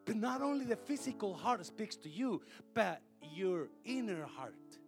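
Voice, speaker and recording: A man preaching an impassioned sermon, mixing in English phrases and at times rising to a shout. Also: sits high, big pitch swings, takes it slowly, vocal fry, faint music behind. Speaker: pastor.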